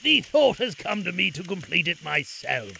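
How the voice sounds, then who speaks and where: A man voicing a genial elderly sultan who speaks slowly and fondly. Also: high voice, big pitch swings, creaky, sharp tone, a little hiss or hum, heavily acted. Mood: gracious.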